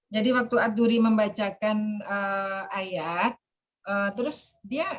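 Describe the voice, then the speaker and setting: A woman lecturer on a video call, patiently explaining with examples and demonstrating recitation. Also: medium pitch. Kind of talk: online class lecture.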